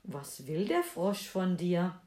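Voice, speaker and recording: Woman reading a gentle old storybook king, fatherly, questioning, slow, roomy echo. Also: fairly low pitch, sing-song. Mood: concerned. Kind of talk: fairy tale reading.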